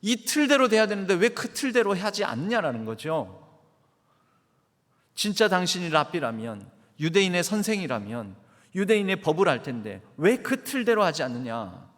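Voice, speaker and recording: Preaching man with lively pitch in a hall. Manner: asks the congregation questions. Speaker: pastor. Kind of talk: sermon. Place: church sanctuary. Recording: church hall reverb.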